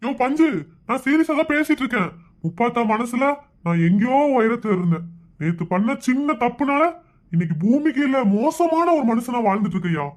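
A man voicing a sentimental married man in an animated comedy who laments his own betrayal in a mournful, melodramatic way. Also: very high-pitched, brisk. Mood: lamenting.

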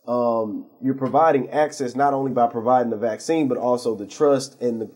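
A man from the St. Louis area, a pharmacy owner, appears as a guest on a TV interview show to explain his services. His medium-pitched voice is dark and husky, and he comes across earnest, full of fillers and restarts.

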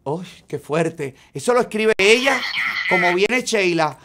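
A man's voice: sits high, expressive, unhurried, bright, forceful tone. A man hosting a gossip show, reading private chats aloud and commenting on them in a flamboyant, theatrical way full of exclamations. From Cuba.

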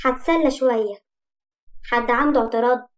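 A woman's voice: fairly high pitch, moderate pace, natural voice. A woman with an Egyptian accent voicing a cold, sardonic rich young man in a spoken story. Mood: mocking. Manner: flat, icy delivery.

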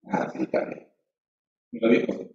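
A man's voice: normal speed, mellow, slight background noise. A man teaching Sunday school in a conversational way, acting out voices of quarreling children. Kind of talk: church teaching. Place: church hall. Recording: echoey, distant, dull church audio.

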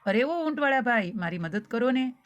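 A woman's voice: fairly high pitch, lively intonation, moderate pace, lo-fi sound, natural voice. A woman voicing a very lazy young village lad in a storybook tale, calling out in a raised, whiny plea.

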